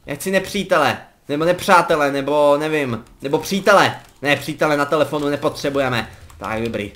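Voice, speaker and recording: Chatty Czech gamer, slightly high voice. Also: male voice. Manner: chatty, joking, rambling, breaks into excited yelps. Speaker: gaming commentator. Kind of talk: casual gameplay commentary.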